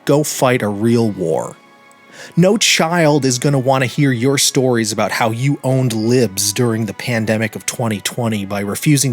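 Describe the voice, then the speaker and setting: An American podcast host with a medium-pitched voice opens his show and offers personal commentary. He phrases things deliberately and earnestly, leaning on key words for emphasis, while music plays softly in the background.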